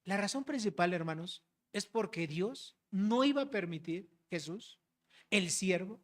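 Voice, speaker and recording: A pastor delivering an expository sermon to the congregation, explaining verses and addressing listeners as brothers and sisters. The delivery is direct, with frequent rhetorical questions and a checking tag after key points. The voice sits in a middle pitch. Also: animated, a little slow.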